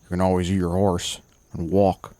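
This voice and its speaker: A cruel, sneering ghost of an old man, as a male storyteller puts him on, low and dark in tone. He mocks and barks at the listener in a horror audio story, with the voice sitting dry and close. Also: little pitch movement, normal speed, dry recording, close to an everyday voice. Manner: mocking, scornful, barking.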